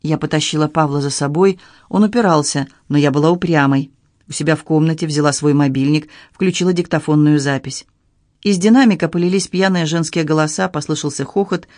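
Guy reading an audiobook, slightly high voice, calm and even, dry close mic. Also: fairly quick, no room sound. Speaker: audiobook narrator. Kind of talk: scripted narration.

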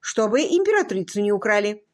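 A woman's voice: mid-range voice, big pitch swings, a little fast, close to an everyday voice. A woman voicing an absent-minded elderly earl in his sixties who talks in a dreamy, distracted, rambling way in an audiobook.

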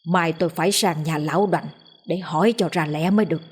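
A woman's voice: fairly low pitch, fairly quick, darkish tone, husky. A woman voicing an anxious, frightened middle-aged village man who talks in an agitated way. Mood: uneasy. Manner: agitated and fearful.

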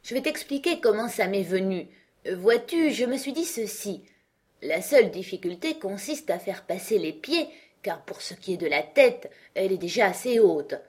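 A woman voicing an earnest, solemn male knight who is proud of his clumsy inventions, read in a breathy voice for a storybook. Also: medium pitch, expressive, moderate pace, a little mellow. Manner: grave, proud, rambling explanations. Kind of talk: audiobook character reading.

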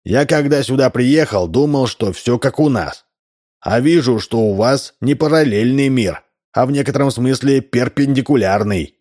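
A man's voice: mid-range voice, normal speed, darkish tone, natural voice. A man reading a story aloud voices a stubborn, puzzled ordinary man who argues bluntly and insists on answers. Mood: insistent.

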